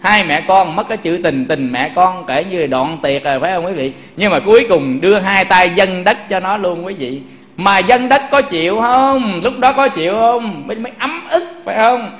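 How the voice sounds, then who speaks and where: A man's voice: sits high, normal speed, a bit bright. A man giving a Buddhist sermon, often turning to the audience with rhetorical questions. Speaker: Buddhist preacher. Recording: echoey room.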